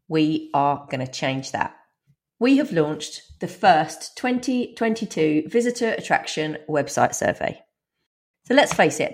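A woman with a twangy Essex accent hosting a podcast solo, speaking directly to listeners in an informal, self-deprecating, chatty way. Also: low voice. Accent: Essex, England. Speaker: podcast host.

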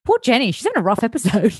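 A woman's voice: on the high side, quick pace, husky, dry recording, clean studio sound. A woman co-hosting a podcast, chatting casually and laughing as she recaps a TV episode. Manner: chatty, laughs often, animated retelling. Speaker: podcast co-host.

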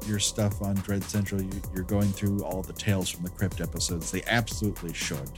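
A man hosting a podcast, discussing films casually in a halting, stammering way. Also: low-pitched, level tone, over music. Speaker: podcast host.

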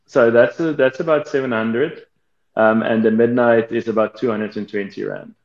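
A man's voice: mid-range voice, fairly even intonation, normal speed, creaky. Man on a bad connection. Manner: hesitant, many restarts. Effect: bad connection, remote call line. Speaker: winemaker guest. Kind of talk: casual remote interview. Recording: muffled echoey call line.

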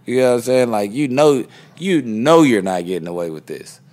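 A man's voice: mid-range voice, lively intonation, normal speed, darkish tone. A man guest in a casual interview, telling a story in heavy slang and acting out the quoted dialogue. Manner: slangy, repeats "you know what I mean". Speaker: guest rapper.

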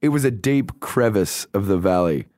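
An Australian man with a fairly low voice spins a wild story for his podcast co-host. He swears freely and acts out everyone's lines as he goes. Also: moderate pace, no echo. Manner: animated, swears freely, acts out quoted dialogue. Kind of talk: casual storytelling chat.

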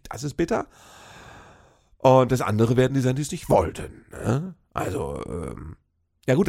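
A man's voice: mid-range voice, gravelly, husky. A man in a casual, rambling political rant, sarcastic and full of fillers and restarts.

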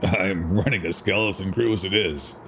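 Gruff older commissioner, deep voice, weary, folksy grumbler, audio drama, background city noise. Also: male voice, moderate pace, fairly bright tone. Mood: weary, grumbling. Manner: folksy, grumbling, streetwise slang.

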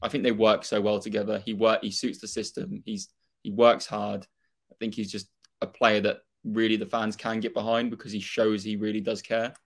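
A man's voice: fairly low pitch, little pitch movement, moderate pace, creaky. A young man with a Norfolk accent chatting casually and opinionatedly about football as a fan, in a rambling way. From Norfolk, England.

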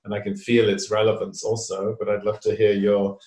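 A man's voice: lowish voice, monotone, brisk, a little mellow. A man interviewing a guest, appreciative, asking long open questions. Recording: echoey room, voice from a distance.

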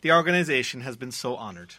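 A man's voice: medium pitch, expressive, fast, pushed and bright. An Irish man hosting a quiz, reading out questions and bantering with contestants. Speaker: quiz host.

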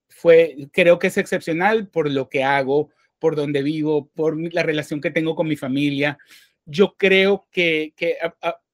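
A man from Venezuela speaking as an interview guest, thoughtful and halting, often restarting and repeating words. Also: fairly high pitch, no echo, studio quality. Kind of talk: casual interview talk.

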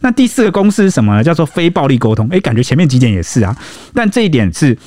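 Brief: quick, animated Taiwanese Mandarin male podcast host, dry studio sound. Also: a little high, no room sound. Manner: explains points at length, acts out quoted lines. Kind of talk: casual chat.

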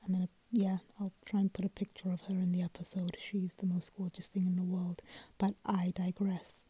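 A woman's voice: on the low side, level tone, brisk, husky. Sleepy whispering woman podcast host. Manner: speaks mostly in a soft whisper, with many ums and restarts. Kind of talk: casual solo podcast chat.

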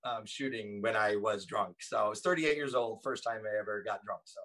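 Brief lower-voiced man, 40s, Thai first language, easygoing guest who rambles and restarts. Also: a little fast, pushed and bright, poor audio. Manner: rambling with frequent ums and self-corrections. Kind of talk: casual interview talk.

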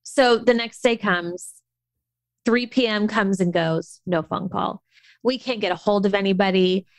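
A young adult woman telling a story in a casual, animated chat, with lots of restarts. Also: mid-range voice, unhurried, dry recording. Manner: animated, chatty, many restarts.

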